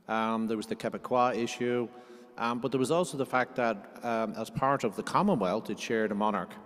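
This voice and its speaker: A man's voice: medium pitch, fairly even intonation, normal speed, fairly bright tone. A middle-aged Irish man, a diplomat, giving a rambling anecdotal talk full of fillers and restarts. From Ireland. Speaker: diplomat, guest speaker. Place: cathedral. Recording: long hall reverb in a cathedral.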